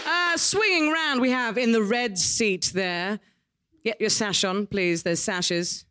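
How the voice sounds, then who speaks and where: A woman's voice: medium pitch, takes it slowly, a bit bright. A woman with a British accent hosting a live game show on stage, ad-libbing with playful, quirky asides. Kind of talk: light, ad-libbed live stage presenting. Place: small theatre stage in front of an audience.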